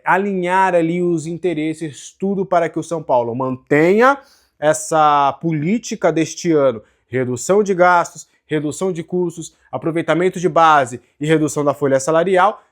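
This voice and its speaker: A Brazilian man with a Brazilian Portuguese accent, a sports journalist giving conversational football news commentary to his viewers. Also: high voice. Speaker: sports journalist and channel host.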